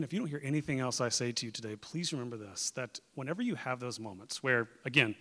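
A male pastor preaches in an earnest, conversational way, shifting from loud emphasis to near-hushed pleas. His voice is bright and forceful at a middle pitch. A long reverb of the church sanctuary follows his words. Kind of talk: sermon.

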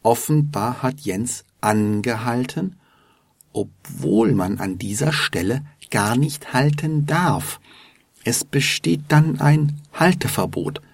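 A man narrating a scripted language lesson as host, explaining words slowly and with careful stress. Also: mid-range voice, animated, gravelly, breathy edge, no room sound, studio quality. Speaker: language teacher, podcast host.

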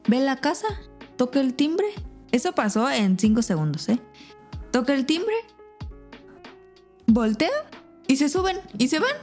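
A Mexican woman with a slightly high voice and a Mexican Spanish accent co-hosts a podcast, telling a story animatedly in casual chat. She acts out the voices in her anecdote.

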